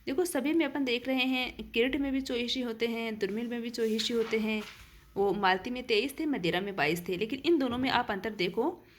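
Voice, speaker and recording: Woman, teacher; patient lesson voice, sits a little high, counts out loud, quizzes the class. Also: a little fast. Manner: counts syllables aloud, asks and answers her own questions. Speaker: Hindi literature teacher. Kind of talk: classroom lesson on verse meter.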